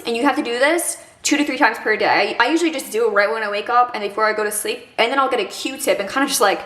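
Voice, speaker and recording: A woman's voice: a little high, a bit bright, echoey room. A young woman with a congested nose, chatting casually in an advice vlog, full of fillers. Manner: chatty, many fillers like "like" and "kinda". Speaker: vlogger.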